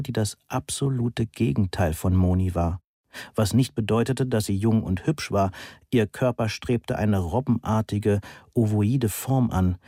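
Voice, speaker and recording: A man's voice: on the low side, dark tone, dry recording. A man reading an audiobook in a dry, wry storytelling manner. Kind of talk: audiobook narration.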